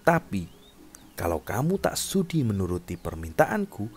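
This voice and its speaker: A man's voice: fairly low pitch, wildly swooping pitch, moderate pace, a little mellow, soft background music. A man voicing a young captive princess who is grieving, proud and defiant, bargaining firmly in a storybook tale. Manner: bargaining, firm.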